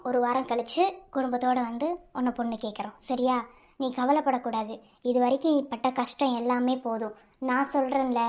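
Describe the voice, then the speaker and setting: A woman's voice: on the high side, a little mellow, close to an everyday voice. A woman voicing a firm, reassuring middle-aged mother in a cartoon, with a Madurai Tamil accent. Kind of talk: cartoon voice acting.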